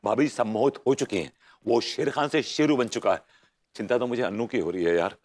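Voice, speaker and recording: A man's voice: mid-range voice, fairly quick, darkish tone, natural voice. An actor playing a jobless, flirtatious neighbor who is sarcastic and mixes English into his Hindi. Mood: scornful.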